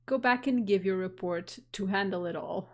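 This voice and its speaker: A woman streamer reading a text game aloud on a live stream, slow and deliberate, while losing her voice. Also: mid-range voice, a little mellow.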